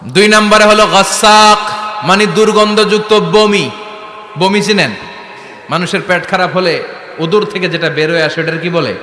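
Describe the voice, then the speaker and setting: A man delivers a dramatic sermon, throwing rhetorical questions at the crowd. His fairly high voice rings bright and forceful. It carries a long echo through a big hall with faint ambience behind it. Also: fairly even intonation, moderate pace, long pauses. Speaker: preacher.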